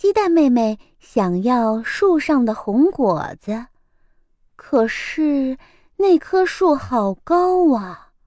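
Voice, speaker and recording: A woman hosting a children's story program, reading a picture book aloud in a gentle, expressive way. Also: high voice, slow pace, no echo. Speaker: storyteller host.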